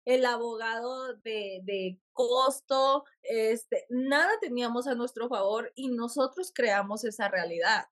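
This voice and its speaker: A woman, a podcast guest, telling a personal story in a lively conversational way and laughing often. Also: on the high side, measured pace, hardly any pauses.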